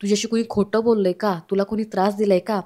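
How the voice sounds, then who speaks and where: A woman's voice: medium pitch, level tone, quick pace, warm tone, close to an everyday voice. A woman voicing an elderly grandfather in a retold family drama, speaking firmly and like a father. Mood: stern, fatherly. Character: elderly grandfather, gentle but stern.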